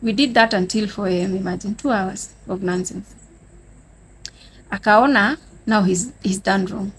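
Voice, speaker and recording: A woman's voice: mid-range voice, measured pace, a little hiss or hum. A young Kenyan woman with a Kenyan accent, telling a dramatic personal story to her viewers in a casual vlog. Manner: animated, dramatic storytelling addressing viewers as guys. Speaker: vlogger. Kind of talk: storytime vlog, mixing Swahili and English.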